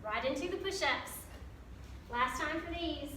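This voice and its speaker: A woman with a high voice leads exercises like an aerobics instructor, encouraging and informal as she gives form cues. She is recorded at a distance in a heavily echoing room, with faint noise behind her. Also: measured pace, sharp tone. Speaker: fitness coach. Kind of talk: aerobics instructor leading a workout.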